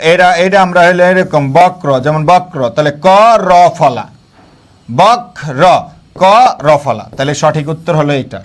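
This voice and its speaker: A male teacher giving a live online grammar class, often repeating key points and quizzing his students, with English words mixed into casual talk. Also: a little high. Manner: colloquial, mixing in English words.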